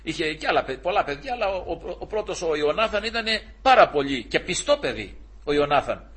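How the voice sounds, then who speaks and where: Husky high-voiced man preaching. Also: big pitch swings, a bit bright. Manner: conversational, many restarts and self-corrections. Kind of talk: sermon retelling a Bible story.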